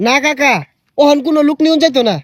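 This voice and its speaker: A man with a playing a young fellow making quick pleading retorts in a comedy sketch. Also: extremely high pitch, steady tone, no room sound, studio quality. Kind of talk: rustic comedy sketch in dialect.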